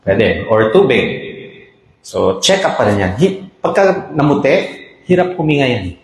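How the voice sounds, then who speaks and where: A man's voice: medium pitch, sing-song, measured pace. A man with a Filipino accent, a doctor giving a health talk and checking in with his listeners. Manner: explains with repeated "okay?" checks. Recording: echoey room.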